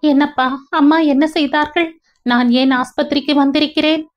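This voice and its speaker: A woman's voice: high-pitched, steady tone, moderate pace, pitched above the performer's own voice, natural voice. A woman voicing a young pregnant woman, grief-stricken and furious, speaking in a distraught, accusing way. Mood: panicked. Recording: dull lo-fi recording.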